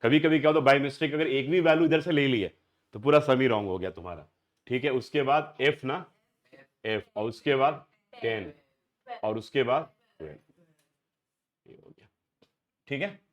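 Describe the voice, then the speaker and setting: A man's voice: medium pitch, normal speed, long pauses. Man from india, middle-aged math teacher, classroom lecture, quizzing students step by step. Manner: questioning students, mixing Hindi and English.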